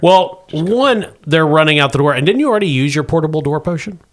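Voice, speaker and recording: A man narrating as game master of a tabletop game, brisk and playful, chuckling through his rulings. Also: a little high, lively intonation.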